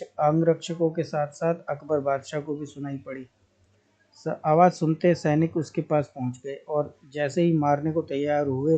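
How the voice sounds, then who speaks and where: A man narrating a story as a storyteller in a measured, deliberate reading style, on a dull lo-fi recording. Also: a little high, darkish tone.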